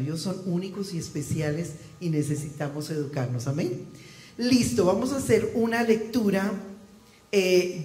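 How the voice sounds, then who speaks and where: A man preaching in a church, leading the congregation through a call-and-response reading and shouting out the cue words. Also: on the high side. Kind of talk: interactive sermon with call-and-response cues. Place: church sanctuary. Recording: echoey hall with long reverb.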